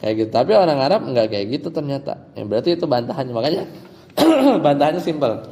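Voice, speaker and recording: Guy teaching arabic grammar, chatty, keeps asking "right?", voice a bit high, big echoey hall. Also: sing-song, fast, mellow. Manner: explains step by step, asks students rhetorical questions. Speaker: Islamic teacher. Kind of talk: casual Arabic grammar lesson.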